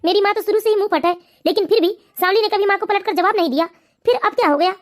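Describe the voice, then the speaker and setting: An actor doing a cartoon husband with a strikingly high, fast voice, earnest and pleading as he tries to calm his family. He is the steady son caught between his mother and his wife. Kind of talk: animated moral story voice acting.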